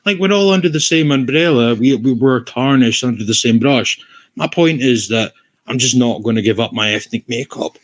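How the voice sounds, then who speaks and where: A man's voice: medium pitch, normal speed. A Scottish man hosting a livestream discussion, blunt and swearing, restarting his sentences often.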